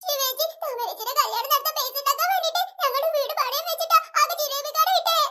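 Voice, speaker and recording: A woman's voice: very high voice, fast, sharp tone, slight background noise. A woman voicing a tearful little girl in a cartoon serial, who explains her troubles through sobs. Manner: sobbing while she explains.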